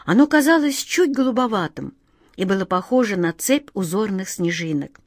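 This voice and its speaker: A woman narrating a children's storybook in a calm, expressive reading. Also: medium pitch, moderate pace, no echo, studio quality.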